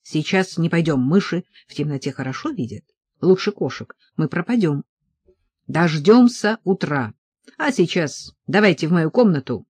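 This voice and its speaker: A reader voicing a calm, sensible male leader in a storybook. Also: mid-range voice, normal speed, breathy edge, no echo. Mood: level-headed.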